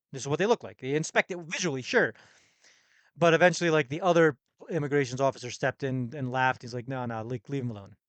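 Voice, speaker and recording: Young american man, casual travel storytelling, slightly high voice, dry close sound. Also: dry recording. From United States. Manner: rambling, self-correcting, laughs between thoughts. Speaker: podcast host.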